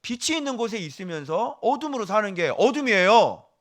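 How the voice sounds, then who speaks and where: A male pastor preaching a sermon, animated and firing questions at the congregation, dropping to a hush for asides. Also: high voice, fairly quick.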